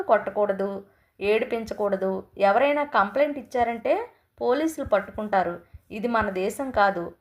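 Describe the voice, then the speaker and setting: A woman narrating a short story in a steady, measured reading voice. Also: fairly high pitch.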